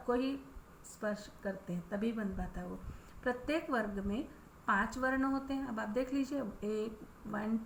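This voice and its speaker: A woman teaching children a grammar lesson, explaining patiently and saying each sound aloud, often checking in with a quick question. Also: a little high. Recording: echoey room with faint ambient noise.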